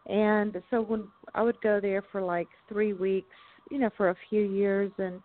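A woman's voice: mid-range voice, little pitch movement, a little slow. Give me a woman heard over the phone, with a thin, tinny sound. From Southern United States. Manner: thoughtful, with frequent ums and restarts. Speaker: guest musician. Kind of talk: casual interview chat.

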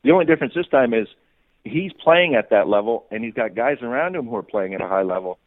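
A man with a mid-range voice speaks fast and animatedly, delivering off-the-cuff sports analysis as a guest reporter. He keeps repeating words and restarting sentences. The audio has no echo but comes through a muffled, phone-like radio line.

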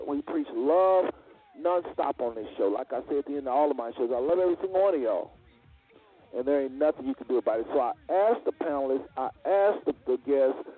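A man's voice: on the high side, breathy edge, phone-quality sound. A man hosting a faith network show, talking in a fervent, emphatic preaching cadence. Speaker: network host. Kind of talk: preaching radio talk.

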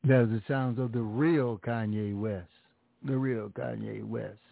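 A radio show host leads a casual chat over a tinny, phone-like line with a little hiss or hum, his medium-pitched voice steady, creaky and unhurried. He jokes playfully, repeating phrases for effect and tossing out old-fashioned mock exclamations.

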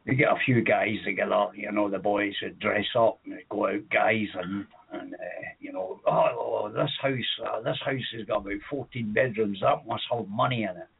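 A Scottish man co-hosting a comedy radio show tells long, rambling childhood stories on a podcast, full of fillers and chuckling at his own tales. His voice is on the low side, gravelly and slightly rough, at a moderate pace with few pauses, and the audio is tinny and phone-like.

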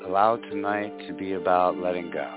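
A man leading a spiritual guided meditation in a slow, soothing, hypnotic way, with long pauses and repeated phrases. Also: deep voice, fairly even intonation. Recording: dull lo-fi audio, music behind. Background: faint music.

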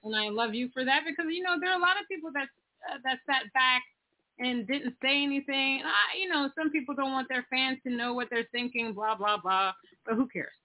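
A woman's voice: sits high, a little fast. Emphatic woman host on a tinny line. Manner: emphatic, encouraging backchannels. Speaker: interview host. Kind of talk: casual interview chat. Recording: tinny phone-like call audio.

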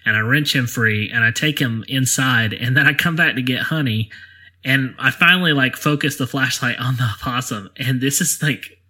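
A man's voice: mid-range voice, moderate pace, bright, forceful tone. A man with a Southern US accent, co-hosting a podcast and telling a rambling story with lots of laughs and "like". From Alabama. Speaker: podcast co-host. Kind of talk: casual chat, storytelling.

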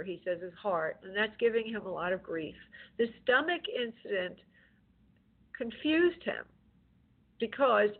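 A woman working as a psychic medium on a call-in show, giving spoken spirit readings in a gentle, consoling way with affectionate endearments. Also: a little high. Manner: gentle, consoling, using endearments like love and honey. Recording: tinny phone-like call-in audio.

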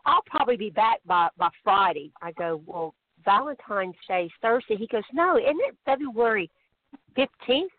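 A woman guest on a talk show, chatting casually and effusively, telling anecdotes. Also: medium pitch. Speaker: guest, author on love and relationships. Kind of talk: casual chat, anecdotal storytelling. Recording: tinny phone line.

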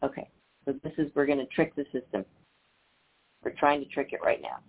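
A man's voice: medium pitch, lively intonation, fairly quick, vocal fry. A man hosting a live radio show on speakerphone, sounding flustered while he works through the connection. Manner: flustered, troubleshooting the line. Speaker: radio show host calling in. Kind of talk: casual live radio chat. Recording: tinny phone line with hiss.

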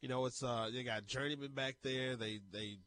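A man's voice: mid-range voice, steady tone, normal speed, a bit bright, slight background noise. A man co-hosting a morning sports talk radio show, chatting casually and jokingly with lots of fillers. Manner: jokey, rambling, with many fillers. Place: radio studio.

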